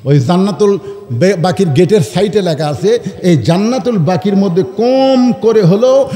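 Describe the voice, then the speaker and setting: A man's voice: sits high, lively intonation, unhurried, mellow, echoey room, in a large hall. A man preaching a sermon, telling stories with great passion, acting out the voices, and calling on the crowd to answer him. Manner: impassioned storytelling, acts out voices, calls on the crowd to answer. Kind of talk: Bengali waz sermon.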